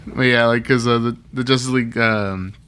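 A man's voice: medium pitch, steady tone, normal speed, fairly bright tone, slight background noise. A man with an American accent co-hosting a podcast, chatting in a rambling, informal way. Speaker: podcast co-host. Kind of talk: casual chat about comic books.

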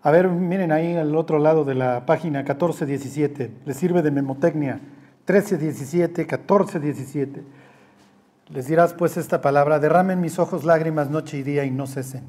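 A Bible study teacher with a mellow, warm tone leads a lively group class. The teacher jokes, teases and quizzes the students, and slips into quoted voices as the class goes. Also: medium pitch, fairly quick, few pauses. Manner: joking, teasing, quizzes the class.

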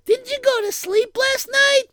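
Brief: shrill fussing mother, very high falsetto, bright and scolding, put on by a man. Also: fairly even intonation, a little slow, exaggerated voice.

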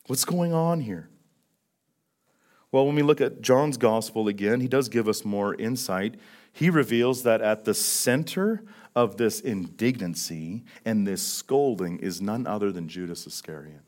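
A man preaching a sermon as pastor, swinging between loud emphasis and hushed questions, with many rhetorical questions. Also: fairly low pitch, animated, measured pace. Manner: repetitive rhetorical questions, frequent "right?".

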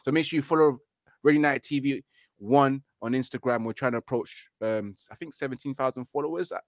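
A man's voice: mid-range voice, fairly quick, dry recording, studio quality. A man speaking casually as a guest creator, plugging channels on a football livestream.

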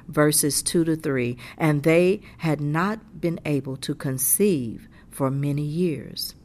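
A woman's voice: low-pitched, a little mellow. A woman giving a scripted devotional message in an earnest, encouraging way. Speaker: devotional speaker.

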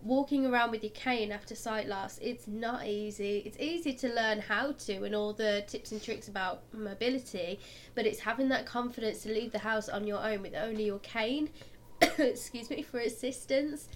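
A woman co-hosting a podcast in casual chat, with a croaky voice from being ill and a giggly, jokey manner. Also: a little high, normal speed, slight background noise. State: poorly with flu or cold. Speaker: podcast co-host.

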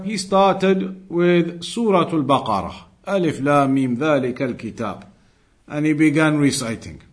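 A religious teacher gives an Islamic lesson, reading texts aloud and explaining them deliberately. He repeats phrases for emphasis, and his voice sits on the high side.

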